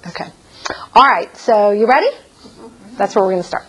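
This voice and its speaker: Woman leading slow repeat-after-me affirmations. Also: mid-range voice, slight background noise. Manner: slow, measured phrases said for echoing. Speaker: session leader. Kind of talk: guided affirmation exercise, lines for repeating.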